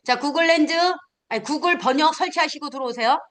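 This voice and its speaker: A middle-aged woman teaching a class of future smartphone instructors, animated, acting out learners and firing off questions. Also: sits high, quick pace. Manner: animated, acts out learners and scolding, punchy questions. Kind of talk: lively classroom lecture.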